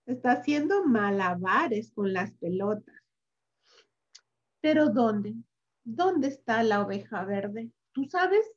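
Slow, high-pitched woman reading a picture book. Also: highs cut off. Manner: slow, sing-song and animated, with sound effects and questions to the child. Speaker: children's story reader.

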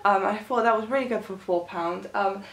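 A woman's voice: mid-range voice, a little fast, gravelly. A British woman in her twenties chatting casually through a shopping haul as a vlogger, with a tired voice that is starting to give out. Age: 20s. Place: bedroom, indoors. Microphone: camera a short distance away. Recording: roomy echo, faint background noise.

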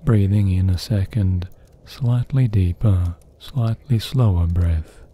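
Guiding listeners toward sleep, a deep-voiced man narrates in a hushed, breathy and soothing tone. Long pauses separate his soft phrases.

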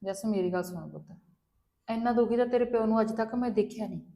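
A worried middle-aged mother, played by a woman in a drama. Her voice sits a little high, and she sounds firm as she gently scolds. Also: quick pace, natural voice. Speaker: mother of a grown son. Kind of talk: Punjabi web drama acting.

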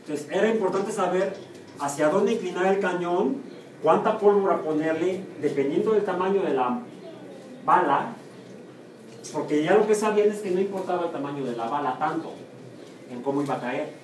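Mexican professor lecturing in an echoey classroom. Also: male voice, high-pitched, normal speed. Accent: Mexican Spanish. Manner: lively, chatty, asks the class questions and answers them himself. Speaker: university biomathematics professor. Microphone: room or camera mic from a distance. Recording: echoey classroom, far from the mic, noisy.

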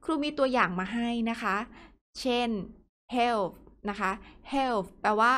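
A woman from Thailand, teaching an online lesson and patiently repeating each word slowly. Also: a little high, fairly bright tone.

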